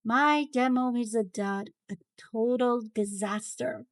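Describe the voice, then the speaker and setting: Female children's story narrator, high voice, unhurried pace, exaggerated cartoon intonation, dramatic delivery. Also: dry recording, clean studio sound. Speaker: storybook reader. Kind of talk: animated children's read-aloud narration.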